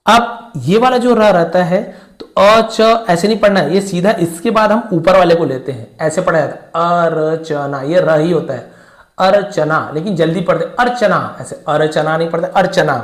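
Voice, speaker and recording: A man's voice: sits high, normal speed. Man teaching with an echoey room sound. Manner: patient and repetitive, voices student questions himself. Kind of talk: classroom-style lesson.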